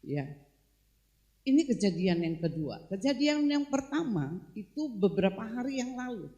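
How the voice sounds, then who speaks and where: A woman's voice: mid-range voice, sing-song, moderate pace, warm tone, muffled recording. A woman pastor preaching a sermon, telling stories to her congregation in a chatty, conversational way and calling them "saudara". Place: church service.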